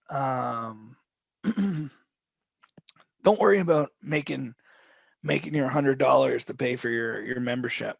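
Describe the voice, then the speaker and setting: Teaching a live trading session, a man speaks in a mid-range voice that goes hoarse as he talks. His phrasing rambles loosely, with restarts and frequent throat clearing, and there is no room sound.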